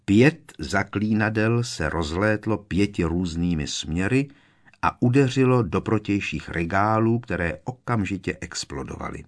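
Man, audiobook narrator, scripted narration, steady, low-pitched.

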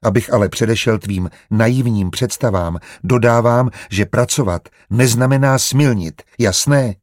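A man voicing a patient, kindly doctor who calmly reasons in a storybook reading. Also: mid-range voice, no echo, studio quality, close to an everyday voice.

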